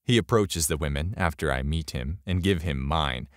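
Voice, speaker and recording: Man, story narration, low voice, sarcastic and exasperated, dry close sound. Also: normal speed, no echo.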